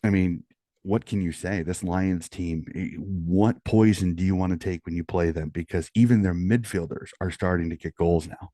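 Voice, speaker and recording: A middle-aged man with a deep voice hosts a sports round-up, keeping it quiet as if others are asleep at night. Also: fairly even intonation, normal speed, dry recording, clean studio sound. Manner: hushed, quieter than normal late-night-radio delivery so as not to wake someone. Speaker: sports podcast host. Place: small room at home. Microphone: close studio mic with pop filter.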